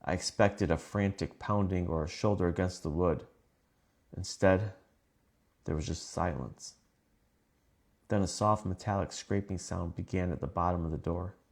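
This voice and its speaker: A man reading scripted first-person horror stories in a calm, measured way. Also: low-pitched, creaky. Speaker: narrator.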